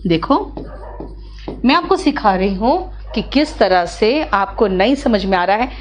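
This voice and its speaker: A woman's voice: mid-range voice, lively intonation, a little slow, a little hiss or hum. A middle-aged woman, teaching vocabulary in an online class and coaxing her students step by step. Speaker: English teacher.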